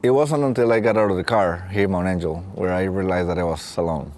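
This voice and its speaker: This training-film clip features a low-voiced man in his late thirties, a facilities and safety technician and staff trainer with a Mexican accent. He recounts his own experiences in a halting, reflective manner. Soft plucked guitar music can be heard in the background.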